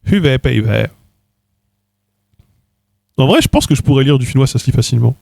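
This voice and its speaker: A man's voice: medium pitch, wildly swooping pitch, racing, vocal fry, darkish tone, husky, no room sound, clean studio sound. A man from France in his thirties chatting casually on a livestream, trying out languages with hesitant fillers. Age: 30s. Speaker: streamer.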